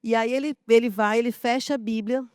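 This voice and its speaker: A woman's voice: fairly high pitch, steady tone, fairly quick, darkish tone, clear, resonant tone, no room sound, studio quality. A woman from a school staff, sharing heartfelt stories at a round table, full of fillers and moved to tears at moments.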